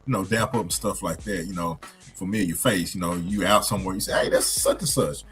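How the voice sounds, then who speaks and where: A man chatting casually as a co-host, thinking aloud in a relaxed way. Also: deep voice, a little fast, soft background music. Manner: easygoing, thinking aloud with fillers. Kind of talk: casual chat.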